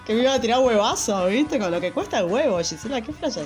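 A young woman with a Buenos Aires lilt chats and tells funny stories, her voice sitting a little high and swooping all over as she laughs. Music runs clearly underneath her talk. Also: lively intonation, fast talker. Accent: Rioplatense Spanish. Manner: laughing, slangy storytelling. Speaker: podcast co-host. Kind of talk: casual chat reading listener replies.

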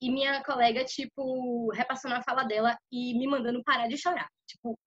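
A young woman on a podcast telling a story in a casual, slangy, animated way. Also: a little high, a little fast, highs cut off. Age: young adult. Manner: animated and slangy, vivid retelling. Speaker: podcast co-host.

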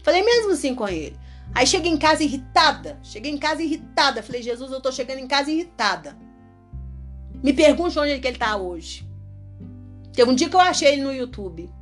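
A woman's voice: high voice, brisk, soft background music. A woman preaching casually and animatedly, acting out little dialogues as she talks about faith. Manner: lively, animated, acts out dialogue. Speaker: evangelical preacher. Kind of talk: casual religious talk.

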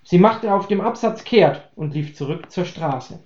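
A man's voice: sits high, lively intonation, measured pace, a little mellow. Man reading a story, roomy sound. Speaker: story reader. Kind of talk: audiobook reading. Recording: roomy, dull lo-fi recording.

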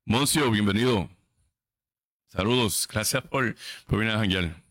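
A man's voice: fairly low pitch, unhurried, fairly bright tone. Guy in his 30s hosting a podcast, blunt and cussing a lot, very emphatic. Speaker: podcast host. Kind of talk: casual livestream chat.

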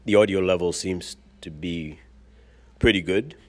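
A man hosting his own podcast in a relaxed, chatty and upbeat way, sitting at his desk at work and recording straight into a smartwatch. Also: low-pitched, unhurried. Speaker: podcast host. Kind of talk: casual solo podcast talk.

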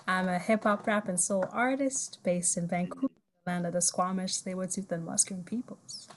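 A French-speaking woman in her twenties, from Ivory Coast and Zimbabwe, tells her story as a guest musician in a casual interview. Her voice is on the low side with fairly even intonation and a moderate pace, and faint hiss or hum is audible. She's chatty, laughs often and trails off into fillers.

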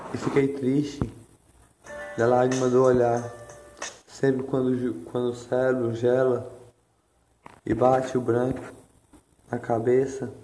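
A man from Ceará, Brazil, reciting a spoken-word poem in a slow, even, repetitive way. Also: mid-range voice, a little hiss or hum. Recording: echoey room with faint music.

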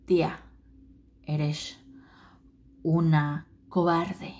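Woman voicing a curt, tough male friend from Spain, slightly low. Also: flat delivery, extremely slow, a little mellow. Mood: harsh. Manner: blunt, curt.

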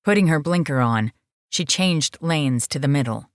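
A woman narrating an audiobook in a measured, even manner. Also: low voice, dry recording, studio quality.

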